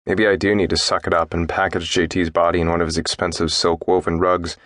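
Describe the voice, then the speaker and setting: Man, very low voice, dry studio sound, steady first-person audiobook narration. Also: a little fast, dry recording.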